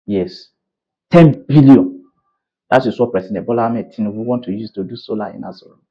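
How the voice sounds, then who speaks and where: A man's voice: on the low side, steady tone, quick pace, slightly rough, dull audio. A man with a Nigerian accent, giving opinionated commentary and slipping into Pidgin phrases. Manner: opinionated, mixes in Pidgin, asks "you understand?". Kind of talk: casual commentary.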